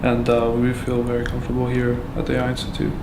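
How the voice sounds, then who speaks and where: Flat-voiced man in an echoey room. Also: mid-range voice. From Afghanistan. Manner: halting, with many fillers and restarts. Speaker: patient. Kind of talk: candid personal testimony. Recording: echoey room with background noise.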